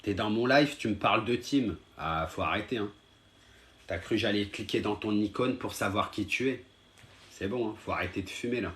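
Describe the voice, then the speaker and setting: A man's voice: lowish voice, normal speed, fairly bright tone, a little hiss or hum. A man streaming live and talking to his viewers, scolding them in a heated, repetitive way.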